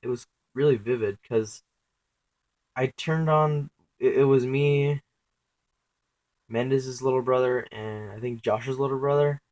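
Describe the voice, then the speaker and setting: A young man casually recounting his dreams in a halting, rambling way, full of filler words, self-corrections and casual swearing. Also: medium pitch, fairly even intonation, a little mellow.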